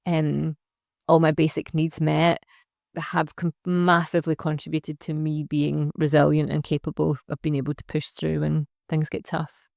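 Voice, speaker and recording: Reflective woman, lowish voice. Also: monotone, moderate pace, creaky, darkish tone, dry recording, clean studio sound. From Scotland. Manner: reflective, chatty, with frequent fillers and restarts. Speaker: guest, social enterprise founder. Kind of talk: casual interview conversation.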